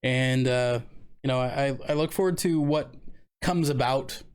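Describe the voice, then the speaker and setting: A man in his thirties hosts a casual live-stream chat at an ordinary mid-range pitch. He rambles in a relaxed way, full of fillers and restarts. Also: a little slow, clean tone. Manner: rambling, laid-back, many fillers and restarts. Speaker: streamer host.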